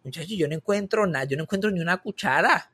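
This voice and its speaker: A man's voice: a little high, quick pace, husky. A man with a Puerto Rican accent telling comic stories in a casual chat, slipping English words into his talk. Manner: animated comic storytelling, mixing in English words.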